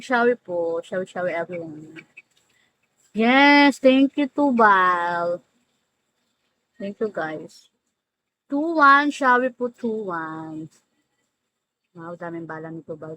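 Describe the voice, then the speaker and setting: Poor audio with a little hiss or hum captures a livestream host whose lowish voice is expressive, slow and sharp in tone. She chats casually with viewers, greeting and teasing them by name, stretching the names and laughing frequently.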